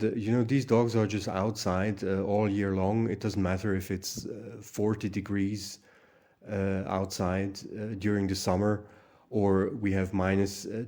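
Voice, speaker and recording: Low, mellow man rambling with fillers. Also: level tone, a little slow. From Hungary. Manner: rambling, many fillers and restarts. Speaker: channel host. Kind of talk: casual monologue vlog.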